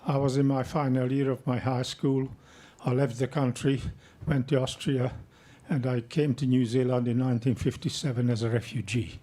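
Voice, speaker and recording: A man in his eighties, born and raised in Hungary, giving an unprepared, measured speech at an event. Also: mid-range voice, flat delivery, mellow. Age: 80s. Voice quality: slow, measured, deliberate delivery. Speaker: audience member speaking.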